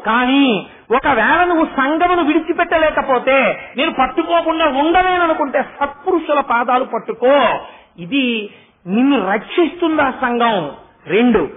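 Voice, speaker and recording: Middle-aged male spiritual speaker, very high voice, tinny narrow sound, animated storyteller. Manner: animated storytelling, rhetorical questions to the audience. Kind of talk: Telugu religious discourse.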